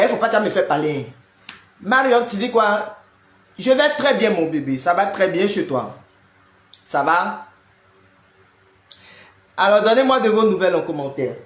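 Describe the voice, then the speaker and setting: A man's voice: high-pitched, animated, moderate pace, long pauses. A man hosting a casual live stream from home. He greets viewers by name and scatters "là" and "hein" through his talk. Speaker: live-stream prayer host. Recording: roomy echo.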